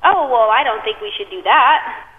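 A woman's voice: a little high, animated, moderate pace. A woman working as an apartment office receptionist, taking a call on speakerphone with a cave-like echo and answering politely and hesitantly with frequent ums. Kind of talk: phone call with a prankster. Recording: tinny phone line with cave-like speakerphone echo.

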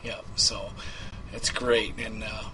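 A man's voice: fairly low pitch, level tone, takes it slowly, background noise. A man playing a creepy, unhinged rich young man who rambles and stammers through filler words in a prank-call comedy bit. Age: 20s.

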